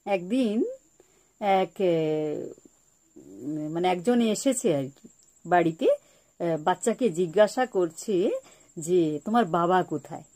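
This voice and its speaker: A woman giving a spiritual talk on parenting, repeating her key points slowly like a teacher. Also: fairly low pitch, lively intonation, warm tone. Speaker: spiritual speaker.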